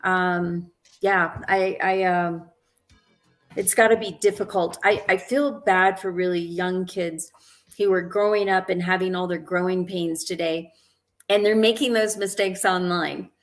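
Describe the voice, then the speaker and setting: A woman in her sixties chats casually as an interview guest. She is talkative, often pausing on ums and restarting her sentences. Faint music sits behind her voice. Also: lowish voice, steady tone. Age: 60s. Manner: chatty, frequent ums and restarts, laughs easily. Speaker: interview guest, actress and director.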